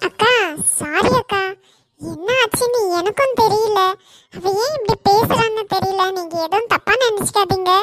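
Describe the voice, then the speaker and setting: A woman's voice: very high-pitched, moderate pace, a bit bright. A woman voicing a teasing, loyal college girl friend in a cartoon. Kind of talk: Tamil cartoon voice acting.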